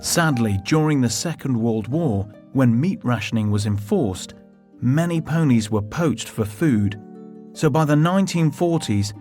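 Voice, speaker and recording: A man's voice: medium pitch, animated, unhurried, dark tone, faint music behind. A man giving scripted narration for a nature documentary.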